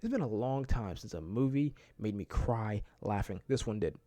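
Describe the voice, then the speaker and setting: A man's voice: on the low side, expressive, moderate pace, dark tone, dry recording. A man giving a casual movie review, enthusiastic and rambling, laughing often and filling his talk with casual fillers. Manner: filler-heavy, keeps saying "like" and "man".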